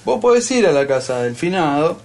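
A man's voice: a little high, sing-song, brisk, vocal fry, a little mellow. A man with an Argentine accent in comedic banter, building his points through careful restarts. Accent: Argentine Spanish. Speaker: comedic panelist.

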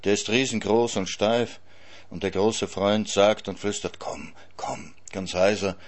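Brief: male reader of literary prose, low-pitched voice, measured and sober, dry irony. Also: steady tone. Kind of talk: literary reading.

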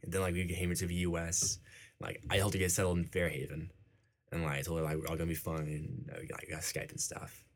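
This is a young man, originally an Icelandic speaker, being interviewed in a laid-back conversation and filling his talk with "like." He talks quickly in a low-pitched voice with a completely flat delivery.

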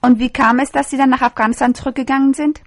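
A woman's voice: sits high, steady tone, fast talker, no echo. A woman hosting a radio show, asking an interview guest formal, polite questions.

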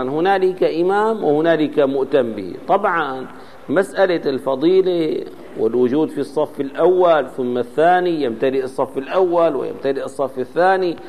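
A man teaches Islamic law in a voice pitched a little high. He explains patiently, quotes texts and sounds out letters to show correct pronunciation. His voice carries a long reverb from a large mosque hall. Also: darkish tone. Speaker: religious teacher. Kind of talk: Islamic jurisprudence lesson.

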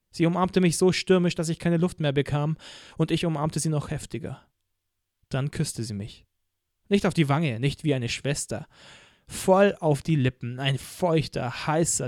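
A man reading a novel aloud in first person, expressive and acting out the dialogue. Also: fairly high pitch, dry recording, studio quality. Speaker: audiobook narrator. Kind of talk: scripted first-person narration.

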